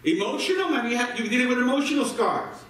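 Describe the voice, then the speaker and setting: A man preaching with a high voice that rings through a very echoey sanctuary, picked up from well back in the room. He stacks repeated words as he builds each point and keeps calling on the congregation to respond. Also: animated, fast, fairly bright tone, distant mic, slight background noise. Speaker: pastor. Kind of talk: sermon with call-and-response. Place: church sanctuary.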